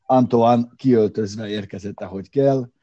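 A man's voice: on the low side, mellow, dull audio. A man co-hosting a casual car show, talking in rambling bursts with fillers and restarts. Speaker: podcast co-host. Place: separate room from co-hosts.

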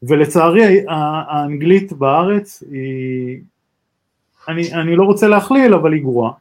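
Podcast co-host: man, Israeli accent, fairly high voice, halting casual explanations with restarts. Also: darkish tone. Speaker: talk co-host, tech entrepreneur.

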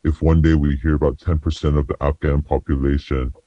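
A ministry worker, a man whose voice is disguised and pushed very deep, speaking in an earnest, pleading way in a recorded news appeal. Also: flat delivery, fairly quick, dry recording, highs cut off. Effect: voice electronically disguised, pitched very deep.

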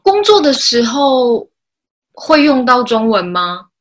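A woman's voice: fairly high pitch, big pitch swings, takes it slowly. A woman from Taiwan with a Taiwanese Mandarin accent, hosting a casual interview as a language teacher. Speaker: podcast host, Mandarin teacher.

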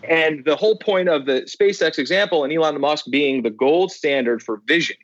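A man's voice: fairly high pitch, normal speed, dry recording, lo-fi sound. A man speaking as a podcast guest, telling stories with emphatic repeated phrases. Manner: emphatic, repeats words for effect. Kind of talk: animated storytelling.

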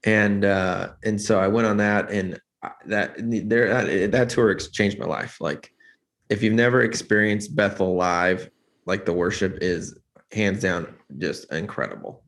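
A man's voice: fairly low pitch, a little slow, fairly bright tone. A man talking earnestly in a casual interview, rambling with many restarts as a church lighting director.

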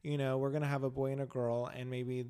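A chatty man hosts a casual podcast, camp and playful as he talks. His voice comes through smooth and resonant. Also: medium pitch, flat delivery, quick pace, mellow. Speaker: podcast host. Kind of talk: casual chat.

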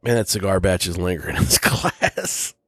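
A man's voice: sits low, very animated, moderate pace, no room sound. A man hosting a casual whiskey tasting, talking bluntly and rambling, with frequent swearing. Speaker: whiskey reviewer host.

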